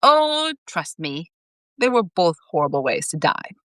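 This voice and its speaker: A blunt, teasing male saint who doesn't sugarcoat anything, put on by a woman reading a story. The pitch leaps around freely, and the sound is close and dry. Lower-pitched overall, but with plenty of lift on the jabs. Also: sing-song, unhurried, dry recording. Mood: wry. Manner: teasing, sharp-tongued. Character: wry, blunt male saint guiding a newcomer.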